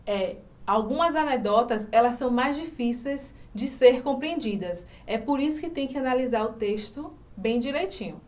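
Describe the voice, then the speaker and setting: Lady teacher doing a school lesson, highish voice, drags out the syllables, keeps asking the kids questions. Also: animated, darkish tone. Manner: slow, drawn-out syllables when sounding out words; asks the class frequent questions. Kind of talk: recorded grade-school lesson.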